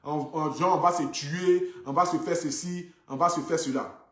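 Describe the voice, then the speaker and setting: Seated indoors, this male influencer talks casually to his phone livestream audience with a slightly high, somewhat bright voice at ordinary speed and fairly even intonation. The room echoes and carries a faint hiss or hum. He is earnest and repeats himself, packing in fillers like "voilà" and "donc du coup".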